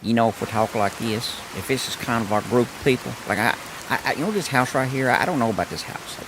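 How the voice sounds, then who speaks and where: A hoarse man voicing a rambling, stammering old rural country man with a raspy voice. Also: mid-range voice, fast talker, background noise, lightly acted.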